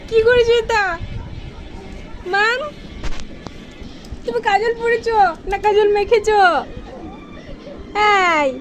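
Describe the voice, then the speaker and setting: A woman's voice: extremely high pitch, flat delivery, slow, pauses often, dull audio, some chatter behind. Woman, young adult mother, baby talk, sing-song, coaxing, music in background. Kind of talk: baby talk to her infant.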